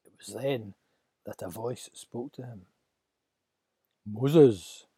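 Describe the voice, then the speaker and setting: Male storybook narrator, dark, husky, dramatic, dry close sound. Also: mid-range voice, a little slow, no room sound.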